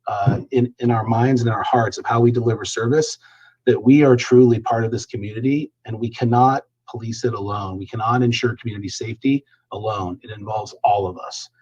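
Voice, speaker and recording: A man serving as police chief answers questions at a public meeting in a measured way with many hesitations, heard over a video call. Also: fairly low pitch, steady tone, darkish tone, breathy edge, muffled recording.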